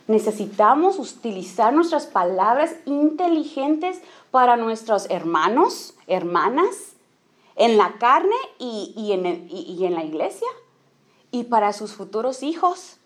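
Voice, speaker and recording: Woman giving a casual church talk to other women, higher voice, keeps asking ok?, throws in english bits. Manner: checks in with the audience with frequent "ok?"; mixes in English phrases. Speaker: speaker at a women's church gathering. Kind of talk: informal teaching talk.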